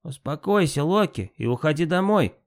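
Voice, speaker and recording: A man reading an audiobook, voicing a conciliatory male god trying to calm a quarrel. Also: a little high, moderate pace, voice pushed up. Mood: placating. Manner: soothing, conciliatory.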